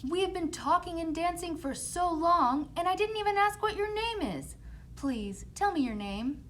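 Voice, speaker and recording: A woman's voice: very high-pitched, expressive, moderate pace, a little hiss or hum, pitched above the performer's own voice. A woman voicing a kind, wistful young girl in a fairy tale storybook. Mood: curious.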